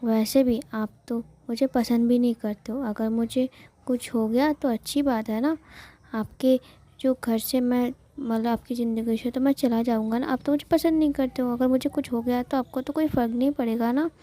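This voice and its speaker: A woman's voice: fairly high pitch, steady tone, moderate pace, mellow, lightly acted. A woman voicing a tipsy, whiny young man. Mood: hurt. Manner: whiny, petulant. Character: tipsy sulky young man, childish and hurt. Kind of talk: storytelling with voiced characters.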